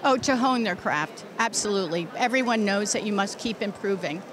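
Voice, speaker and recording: Over the loud din of a busy convention exhibition hall, a sixties-aged educator, who chairs the convention committee, gives an interview through a handheld microphone. She answers earnestly and emphatically in a medium-pitched voice at a slightly fast pace.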